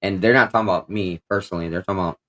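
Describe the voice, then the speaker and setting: A Filipino man with a Kapampangan accent co-hosts a relaxed livestream, reading viewer comments aloud in rapid-fire style. His voice is on the low side, and he wanders easily through the chat with many "um"s and "you know what I'm saying"s.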